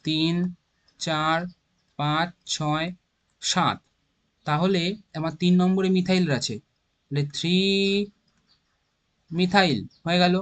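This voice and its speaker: A man's voice: on the high side, fairly even intonation, slow, pauses often, a bit bright. A man with a Bengali accent explaining organic chemistry naming, thinking aloud and counting carbon atoms step by step. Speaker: chemistry teacher. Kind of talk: informal classroom lesson.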